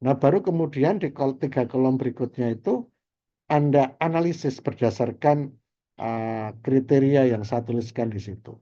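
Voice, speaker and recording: A man's voice: medium pitch, moderate pace, mellow, highs cut off. A man teaching an online class, explaining terms at length and ending phrases with little checks. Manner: explanatory, repeats key terms with "gitu ya". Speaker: lecturer. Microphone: video call.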